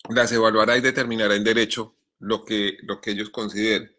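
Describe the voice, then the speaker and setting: Man, bright clear voice, measured column reading, coughing. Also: on the low side, flat delivery. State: coughing fits. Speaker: journalist columnist. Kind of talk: reading his column aloud, then answering viewer questions.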